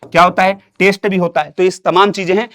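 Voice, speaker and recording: A man's voice: high-pitched, little pitch movement, fast talker, a bit bright, no room sound, studio quality. A young man teaching an exam-prep lesson, talking to students like an elder brother and repeating himself with rhetorical questions.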